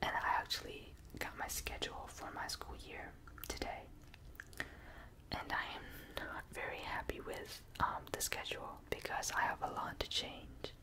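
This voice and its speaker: A young adult whispers a casual ASMR ramble in a soft, breathy voice, close to the listener's ears on a binaural microphone. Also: moderate pace. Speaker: ASMR video maker.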